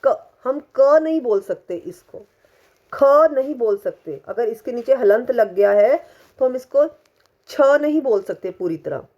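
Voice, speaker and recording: A woman teacher giving a slow lesson to young children, stretching out syllables and words so they can be repeated. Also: fairly high pitch, mellow. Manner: slow, drawn-out syllables for repetition.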